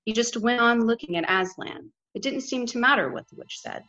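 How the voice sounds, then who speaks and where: A woman on a podcast reading aloud a short meditation she wrote, in a slow, measured way. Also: fairly high pitch, animated, bright, forceful tone. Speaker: podcast guest panelist. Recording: dull lo-fi audio with faint music.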